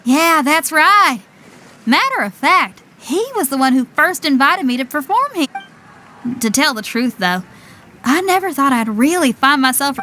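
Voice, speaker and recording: A woman's voice: high-pitched, very animated, unhurried, sharp tone, slight background noise, heavily acted. A woman voicing a bold young female rock musician in a video game, easygoing and confident. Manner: easygoing, laughs often.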